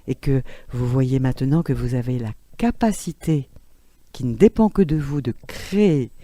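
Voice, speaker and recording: A middle-aged woman therapist gently coaching a guided laughter exercise, laughing often and encouraging her listeners. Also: low-pitched, dry recording. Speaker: therapist leading a workshop.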